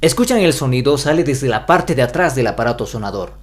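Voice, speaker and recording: A man's voice: mid-range voice, lively intonation, fairly quick. A man with a Bolivian Spanish accent giving a pronunciation lesson, carefully spelling out each sound. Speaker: language teacher.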